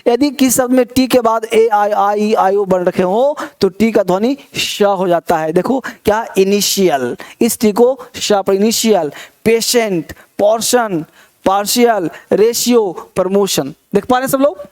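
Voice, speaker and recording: In an online spoken-English lesson, a man with a high, somewhat dark voice reads word lists aloud at a slightly slow pace. He asks the class rhetorical questions to make sure they're following, staying encouraging and repeating the key points.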